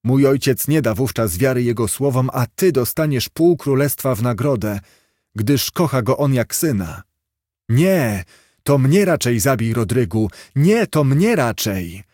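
A man's voice: medium pitch, lively intonation, a little slow, darkish tone, dry recording, studio quality. A man voicing a desperate young princess who defies and pleads in a storybook reading. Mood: pleading. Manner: pleading, defiant.

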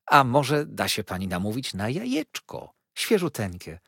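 A man's voice: medium pitch, huge pitch swings, a little slow, creaky, a bit bright, husky, no echo, clean studio sound, heavily acted. A man reading an audiobook voices a fawning, overly polite middle-aged landlady with a sugary, servile manner.

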